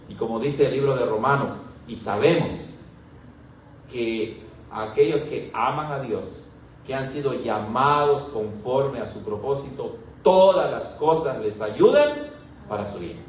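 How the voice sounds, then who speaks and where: Mexican pastor preaching in an echoey hall. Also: male voice, mid-range voice, measured pace, slight background noise. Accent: Mexican Spanish. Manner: teacherly, asks the congregation questions. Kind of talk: expository Bible sermon. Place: church hall. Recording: very echoey room, mic far off.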